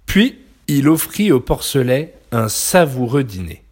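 A man reading a children's story aloud, expressive and animated. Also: mid-range voice, measured pace, husky.

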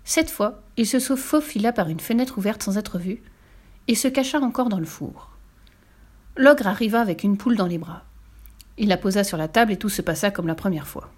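A woman narrating a children's fairy tale aloud, expressive and sometimes dropping to a soft whisper. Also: medium pitch, normal speed. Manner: expressive, dips into soft whispers on quiet passages. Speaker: storyteller. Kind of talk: scripted storybook narration.

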